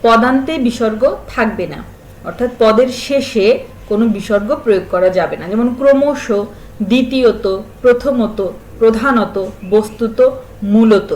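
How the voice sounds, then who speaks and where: A woman teaching a spelling lesson to school pupils, slowly listing example words and stressing their sounds. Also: fairly high pitch, a little mellow, low-quality recording. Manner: stresses and repeats sounds to show pronunciation.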